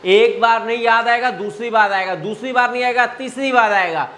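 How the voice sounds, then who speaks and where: A man teaching a video language lesson. He drills sounds slowly, keeps quizzing the viewer and urges steady practice. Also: extremely high pitch. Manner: encouraging, urging constant practice.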